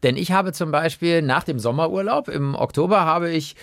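A man's voice: on the high side, a bit bright, dry recording, studio quality. Teasing, joking male podcast co-host. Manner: joking, teasing banter with many quick interjections. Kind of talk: casual podcast chat.

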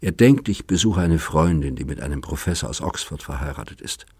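A man reading the part of an adult woman who tearfully pleads with her lover, in a soft, pleading manner. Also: rumbling low, lively intonation, brisk, breathy edge, dry recording, studio quality, exaggerated voice. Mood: quiet. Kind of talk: audiobook character reading.

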